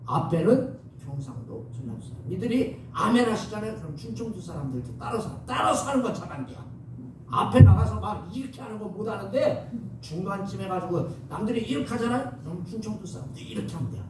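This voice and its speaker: High-voiced pastor in an echoey church. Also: male voice, quick pace. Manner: lively, coaxing the congregation to respond. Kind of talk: sermon. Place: church sanctuary. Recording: echoey church hall from far off, faint noise.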